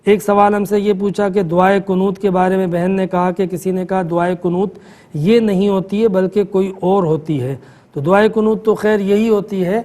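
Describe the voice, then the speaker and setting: A middle-aged man, a mufti answering callers' questions in a calm, explanatory manner. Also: sits high. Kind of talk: religious call-in answers.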